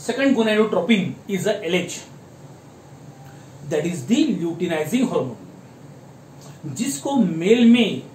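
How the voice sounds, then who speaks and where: A man teaching a biology class, explaining slowly and answering his own questions. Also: sits high, a little mellow. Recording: echoey room with faint noise.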